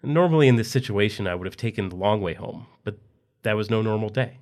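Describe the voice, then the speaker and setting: Male narrator, low voice, steady scripted storytelling. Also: quick pace.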